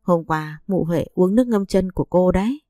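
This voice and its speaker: A woman's voice: lowish voice, normal speed, mellow, no echo, clean studio sound, lightly acted. A woman voicing a doting, playful middle-aged aunt who talks in an affectionate, gossipy way.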